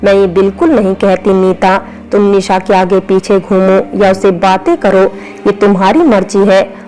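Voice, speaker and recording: Lady reading a gentle loving mom-in-law, storybook. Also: mid-range voice, steady tone, normal speed, lightly acted, low-quality recording. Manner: soft, loving. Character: gentle, kind mother-in-law.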